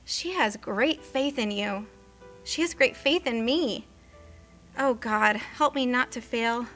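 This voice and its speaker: A woman's voice: on the high side, takes it slowly, a bit bright. Woman reading as Joseph, an anxious young husband. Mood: anxious prayer. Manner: earnest, prayerful inner monologue. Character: anxious, devoted young husband on a hard journey. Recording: faint music underneath.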